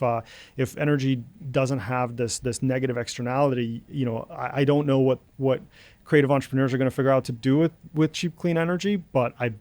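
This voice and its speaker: A man in his late thirties who grew up in Russia, a company founder answering interview questions thoughtfully, often pausing and restarting. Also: mid-range voice, a little mellow. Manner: thoughtful, hesitant, many fillers and restarts. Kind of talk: casual interview.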